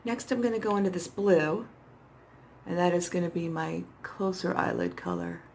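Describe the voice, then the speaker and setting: A hoarse-voiced middle-aged makeup vlogger chats playfully with herself during a casual tutorial, frequently making fun of herself. Her pitch is fairly low, her intonation fairly even, and her speed normal. Slight background noise fills the small indoor setup, which has a dark backdrop.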